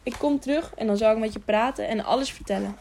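A woman voicing a hurried, secretive young rider who gives brief replies. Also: on the high side, a little mellow.

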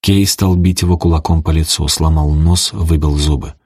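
Low husky male audiobook narrator. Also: moderate pace, dry recording, clean studio sound. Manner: steady dramatic storytelling. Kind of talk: audiobook reading.

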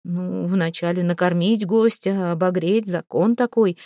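A woman voicing a gruff, grieving male village head who talks in a low, slow, heavy rumble. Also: fairly even intonation, dark tone, no room sound, clean studio sound. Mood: apologetic.

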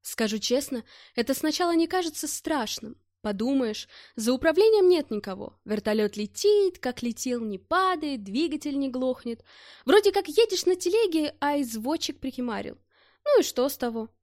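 Lady reading a novel aloud, bit high voice, dry close sound. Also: normal speed, no room sound. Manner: expressive storytelling. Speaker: audiobook narrator. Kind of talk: audiobook narration.

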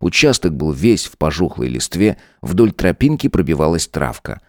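A male audiobook narrator with a very low voice that rises and falls widely. He reads in a dramatic, expressive way. The recording is dry and close. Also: moderate pace, dry recording. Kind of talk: scripted narration.

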